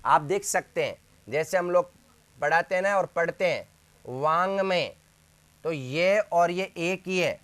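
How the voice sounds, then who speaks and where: A man's voice: fairly high pitch, a bit bright. A man teaching a Hindi grammar lesson, drilling letter sounds one by one and asking questions that he answers himself. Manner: drills sounds slowly, asks and answers his own questions. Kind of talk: classroom lesson.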